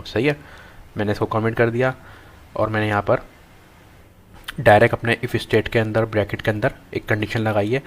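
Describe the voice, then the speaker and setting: Young male programming tutor, low monotone voice, halting think-aloud delivery at a desk mic. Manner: thinks aloud while typing, halting with many restarts. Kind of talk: screen-recorded coding lesson.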